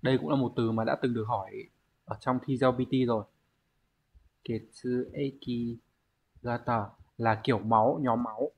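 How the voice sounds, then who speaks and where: A man's voice: medium pitch, fairly bright tone. A man teaching an online exam-prep language lesson, explaining step by step and posing rhetorical questions to his students.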